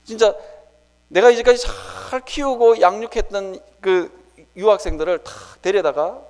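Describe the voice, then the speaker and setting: A man preaching a sermon in a church sanctuary, telling his story in an animated way and acting out his own prayers. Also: sits high, moderate pace. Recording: reverberant church hall.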